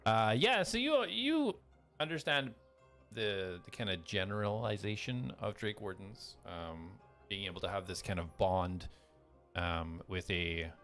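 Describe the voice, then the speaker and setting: A man acting as game master, narrating a fantasy tabletop game in descriptive, drawn-out phrases. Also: fairly low pitch, animated, fairly bright tone. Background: background music.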